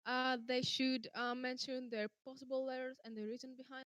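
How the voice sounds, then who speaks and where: A woman's voice: high-pitched, little pitch movement, normal speed, fairly bright tone, smooth, no room sound. Young woman giving a structured critique. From Greece. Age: young adult. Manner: structured, methodical listing of points. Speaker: opponent in a student science tournament. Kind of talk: prepared critique over video call. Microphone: video call.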